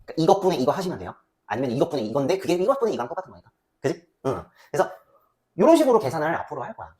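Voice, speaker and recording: A woman with a low, dark, sing-song voice teaches math at a rapid-fire pace in a casual, chatty lecture. She frequently asks students checking questions to keep them following along, then voices their replies herself.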